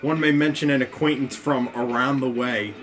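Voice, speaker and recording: A man with a New York accent chatting casually on a game stream, reading out a list of slang in a relaxed, halting way. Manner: relaxed, reads aloud haltingly, low mumbled asides.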